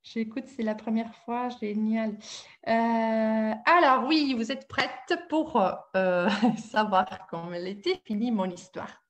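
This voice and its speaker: Leading a live webinar, a dance-movement therapist with an Italian accent talks to her audience with many hesitations and questions. Her voice is on the high side, and she takes her time.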